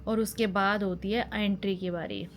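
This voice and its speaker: Woman in her thirties, mid-pitched, lively casual vlog narration. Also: normal speed, a little hiss or hum. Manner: chatty, animated storytelling. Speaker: family vlogger. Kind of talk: casual chat while showing wedding album.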